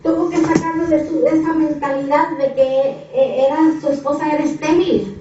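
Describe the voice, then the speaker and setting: A woman with a high voice preaches an impassioned sermon, stacking rhetorical questions and repeated phrases. She is heard from a distance across a very echoey church hall. The recording is dull and lo-fi, with a faint hiss underneath. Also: normal speed, dark tone.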